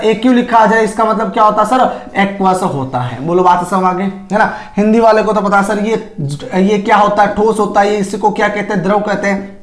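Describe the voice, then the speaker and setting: Male chem teacher, fairly high voice, keeps asking then answering his own questions, echoey classroom sound. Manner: asks questions and answers them himself; homely Hindi analogies, calls students sir. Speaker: chemistry teacher. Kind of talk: classroom lecture. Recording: echoey room.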